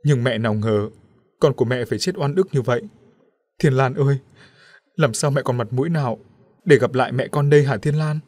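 A man's voice: medium pitch, a little fast, a little mellow, dry recording, natural voice. A man voicing a grieving middle-aged mother who cries out tearfully in a storybook reading. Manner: wailing, tearful.

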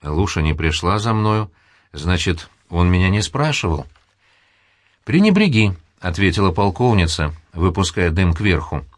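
A man reading a novel aloud in a calm, measured way. His voice is very low and deep, and the recording is dry and close with no room sound. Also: no echo. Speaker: audiobook narrator. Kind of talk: scripted audiobook narration.

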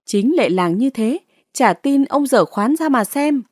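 A woman's voice: high voice, animated, a little slow, no echo, studio quality, voice pushed up. A woman narrator voicing a hot-tempered, quarrelsome male village notable. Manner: quarrelsome, shouting.

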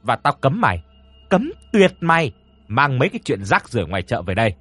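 A man's voice: mid-range voice, very animated, a little fast, fairly bright tone, breathy edge, no echo, faint music behind. A man voicing a harsh older landowner's wife who screams and scolds her servants. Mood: furious shrieking.

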